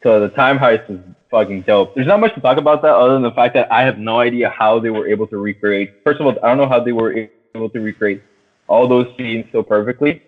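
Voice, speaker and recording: A podcast co-host talks movies with friends, casual, enthusiastic, and swearing freely. His voice is medium-pitched and fast, and the sound is thin, like a phone or radio.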